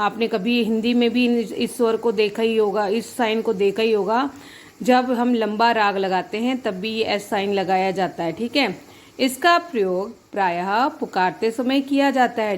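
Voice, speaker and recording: Patient woman teaching grammar. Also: fairly high pitch. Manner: patient, explains each point twice with checking questions; addresses students as children. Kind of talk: Hindi grammar lesson.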